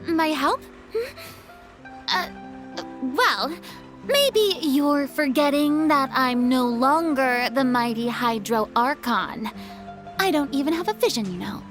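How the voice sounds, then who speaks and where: An actress voicing a haughty, dramatic retired stage diva in a video game, with theatrical, formal delivery. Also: female voice, sits high, expressive, slow. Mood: reluctant, proud. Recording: background music under clean studio dialogue.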